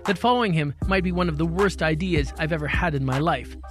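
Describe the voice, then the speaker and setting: Man, radio host, wry storytelling, slightly high voice, faint music beneath. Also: fast talker. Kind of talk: scripted story narration.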